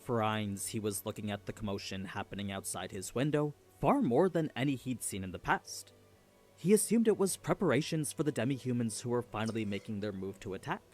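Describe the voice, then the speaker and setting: A man narrates a scripted recap of a story in a mid-range voice. His pitch rises and falls a good deal, making the storytelling animated.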